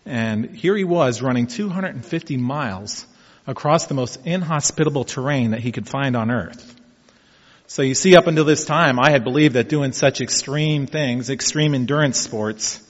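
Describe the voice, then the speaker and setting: A man's voice: medium pitch, moderate pace. A man in his fifties talking casually about taking up marathon running, telling his story in a folksy, reflective way. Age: 50s. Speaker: amateur marathon runner. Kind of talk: casual personal vlog talk. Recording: dull echoey room sound.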